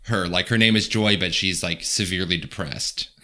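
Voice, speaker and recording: A man co-hosting a podcast, chatting casually about a film in a relaxed, agreeable way. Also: sits low, moderate pace. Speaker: podcast co-host. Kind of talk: casual film discussion chat.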